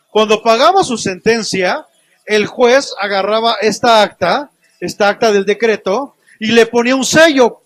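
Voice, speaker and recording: A man's voice: high-pitched, no room sound. A man preaching a conversational sermon with a Mexican Spanish accent, often asking his listeners questions. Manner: conversational, asks the congregation questions.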